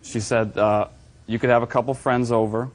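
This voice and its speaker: A man's voice: medium pitch, level tone, normal speed. A man in his twenties giving courtroom testimony as a defendant, deferential and hesitant. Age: 20s.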